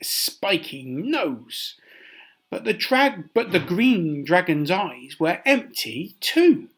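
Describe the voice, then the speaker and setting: Like a teacher in class, a man reads a traditional tale aloud to children. His unhurried, expressive delivery swings widely in pitch and puts dramatic emphasis on key words.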